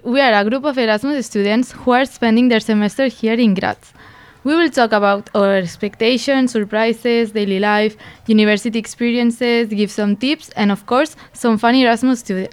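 Bright-voiced young woman radio host. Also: fairly high pitch, normal speed, smooth. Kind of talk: scripted radio hosting.

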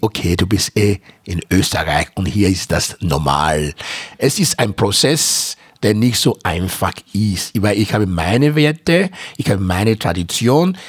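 A man's voice: on the low side, husky, dry recording, studio quality. A middle-aged man from Nigeria, answering interview questions earnestly with many hesitations. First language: a Nigerian language. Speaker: interview guest, author.

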